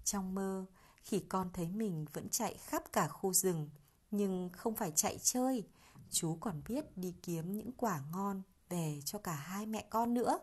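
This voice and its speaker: A woman narrating a children's story in a gentle, expressive storybook manner. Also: medium pitch, measured pace, slightly rough.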